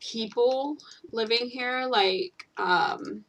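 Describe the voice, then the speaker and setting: Slow-talking young woman, casual. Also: fairly high pitch, a bit bright, slight background noise. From California. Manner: rambling, full of ums and restarts. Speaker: channel host. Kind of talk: casual chat while gaming.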